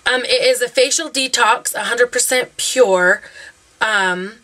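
A chatty young woman raves about her favorite beauty products, her voice bright and a little high. She rambles happily, scattering "um" and "like" as she goes. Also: measured pace. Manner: chatty, gushing, lots of fillers. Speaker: beauty vlogger. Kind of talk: casual favorites review.

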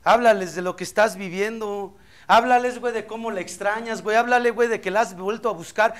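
Profane, high-voiced Mexican man testifying. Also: a little fast. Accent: Mexican Spanish. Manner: blunt, profane, impassioned storytelling. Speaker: AA speaker. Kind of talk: recovery meeting testimony.

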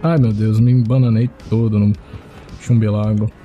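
A man giving excitable live commentary as he plays a horror game, chatting to his viewers and jumping to high yelps when he panics. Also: moderate pace, highs cut off, faint music behind. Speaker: streamer playing a horror game.

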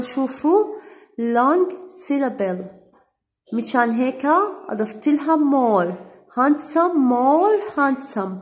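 Woman teacher slowly spelling out rules. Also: high-pitched, a little mellow. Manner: switches between slow, deliberate English and quick Arabic explanations; stretches out English example words. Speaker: English teacher. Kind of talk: recorded classroom grammar lesson.

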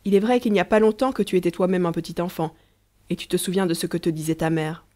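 A woman voicing an earnest, blunt male farm laborer, gruff and emphatic in a storybook reading. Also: lowish voice, steady tone, fast, mellow, close to an everyday voice. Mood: admiring.

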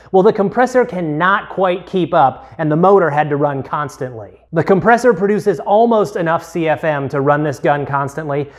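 A man in his thirties talks through a tool test in a plain, orderly way. His voice sits a little high for a man. He is recorded close on a lapel mic in a home garage. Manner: plain, methodical, step-by-step explaining. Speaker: tool reviewer, channel host. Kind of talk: explanatory tool review. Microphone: clip-on lapel mic.

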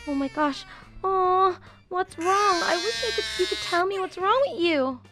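A woman's voice: extremely high pitch, animated, normal speed, very noisy. A young woman narrating a Minecraft role-play in a chatty, motherly way. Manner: chatty and motherly, with gasps and lots of fillers. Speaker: YouTube role-play host.

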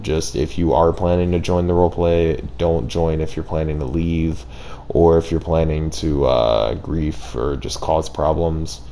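Low, monotone young man with a sore jaw. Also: a little hiss or hum. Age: teenager or young adult. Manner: careful, sore-jawed speech from tightened braces; downbeat. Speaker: gaming video creator. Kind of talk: casual talk over gameplay.

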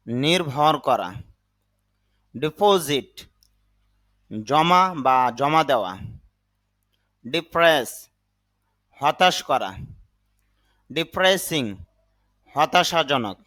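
A man teaching English vocabulary, saying each word slowly, sometimes twice, then giving its meaning. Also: a little high, expressive, pushed and bright. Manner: repeats words slowly, then gives the meaning. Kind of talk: slow vocabulary lesson.

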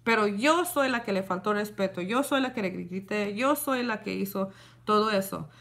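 Woman, young adult, casual storytelling, animated, code-switching. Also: medium pitch, normal speed, gravelly. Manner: animated, switches between Spanish and English. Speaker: vlogger. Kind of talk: casual storytime to a live audience.

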